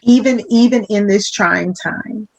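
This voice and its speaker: A woman who works as a hospital social worker, telling stories in a lively, humorous way and acting out other people's voices. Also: medium pitch, a little slow, gravelly, dry recording, rough recording. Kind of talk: casual interview storytelling.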